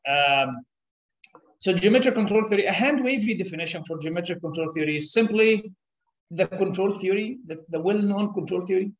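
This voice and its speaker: In an echoey conference room, an Egyptian-born man who is a professor gives explanatory answers as an interview guest, picked up by a camera across the table. He has a high voice and speaks thoughtfully, stopping often with "uh" and starting over.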